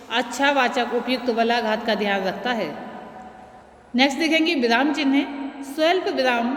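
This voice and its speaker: A woman teacher giving a classroom lecture, slowly explaining and stressing example words. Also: sits high. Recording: echoey room with long reverb.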